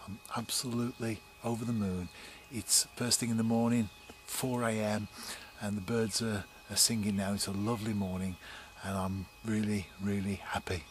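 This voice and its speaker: Male angler vlogger, 40s, upbeat and hushed by turns, close camera mic outside, faint background noise. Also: fairly low pitch, level tone, moderate pace, hardly any pauses. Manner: upbeat, chatty, often hushed to a near whisper. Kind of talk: casual outdoor vlog commentary. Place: canal bank outdoors at night and dawn. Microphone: camera mic at close range.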